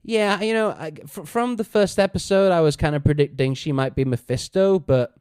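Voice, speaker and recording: A man hosting a casual review podcast, his voice a touch high and very smooth. The sound is dry and close. He talks in an animated way, laughing and acting out quotes. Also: moderate pace, no echo. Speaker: podcast host.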